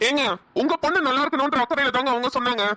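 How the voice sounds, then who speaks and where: Woman doing a fast-talking young husband. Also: sits high, steady tone, bright, forceful tone, no room sound. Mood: defiant. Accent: Namakkal Tamil. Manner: teasing, quick retorts. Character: young husband, teasing and protective.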